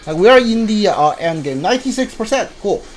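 This man's voice sits high and sounds animated, and he talks a little fast as he casually comments on a video game. He reads on-screen text aloud and mumbles his thoughts, with the game's music in the background.

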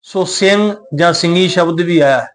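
A man with a Punjabi accent teaching scripture and its pronunciation, addressing listeners as a congregation and chanting verses slowly before explaining them. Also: high-pitched. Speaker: Gurbani teacher.

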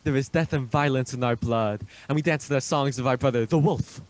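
In a radio play, a male actor voices a suave, imperious Transylvanian vampire count with formal, deliberate, ominous politeness. His voice is natural and medium-pitched, and the mood is fervent and proud.

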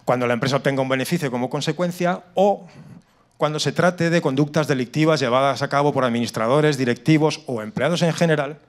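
A cybersecurity speaker, a middle-aged man whose accent is Spanish from Spain, gives an explanatory slide talk into a handheld microphone at a slightly fast pace and medium pitch. Restarts and repeated words are common, and the setting is an indoor conference room with a seated audience.

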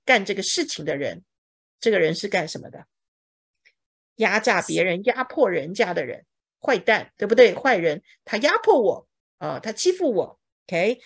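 A woman with a medium-pitched, slightly breathy voice teaches an English lesson on the Bible in Mandarin. She explains each word, checks in with her students, and acts out examples dramatically.

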